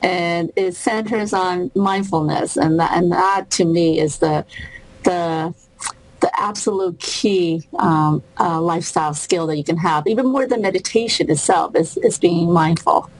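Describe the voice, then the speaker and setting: A woman from Burma, a cardiologist and author, talking as a guest over a video call, thoughtful with many pauses and restarts. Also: fairly low pitch, poor audio.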